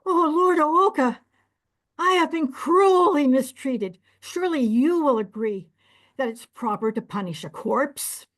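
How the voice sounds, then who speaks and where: A woman's voice: high voice, animated, measured pace, pitched above the performer's own voice. A woman voicing a self-pitying, greedy male innkeeper who protests in a wheedling, indignant way. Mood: aggrieved.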